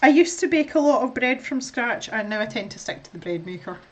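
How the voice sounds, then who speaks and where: A woman's voice: on the high side, lively intonation, fairly quick. A middle-aged woman with a Scottish accent chatting casually to viewers while she colours, rambling and laughing often. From Scotland. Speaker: art streamer.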